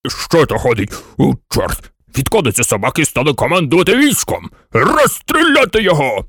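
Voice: mid-range voice, very animated, normal speed, fairly bright tone, no room sound, studio quality. A narrator voicing a hot-tempered male army general who barks orders in a storybook reading. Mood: irate. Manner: blustering, barking commands. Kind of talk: audiobook character voice.

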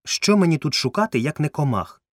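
A man's voice: medium pitch, lively intonation, brisk, darkish tone, no echo, pitched above the performer's own voice, lightly acted. A man voicing a fussy, eccentric male entomologist, pedantic and easily indignant, in a dry, close recording.

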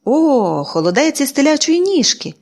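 A woman's voice: medium pitch, wildly swooping pitch, fairly quick, slightly rough. A woman reading an audiobook, voicing a friendly, hearty male doctor. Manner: warm, hearty. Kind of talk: audiobook character voice.

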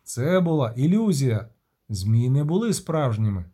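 A man's voice: medium pitch, sing-song, measured pace, warm tone, husky. A man voicing a composed male witcher who speaks curtly and with control, in an audiobook reading. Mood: stern.

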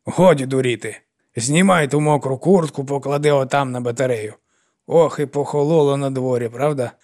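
A man's voice: mid-range voice, moderate pace, a little mellow, lightly acted. A man voicing an older woman who scolds and mothers a troubled girl in an audiobook. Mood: coaxing. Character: older woman, stern yet kindly widow.

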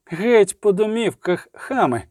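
A man's voice: high-pitched, very animated, unhurried, a little mellow, no room sound, studio quality, pitched above the performer's own voice. A man voicing a proud, furious sorceress in an audiobook, scornful and commanding. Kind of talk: audiobook character voice.

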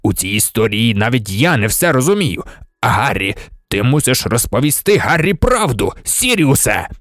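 A man voicing a calm, earnest middle-aged male teacher who speaks low and steady. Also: moderate pace, dry recording, clean studio sound.

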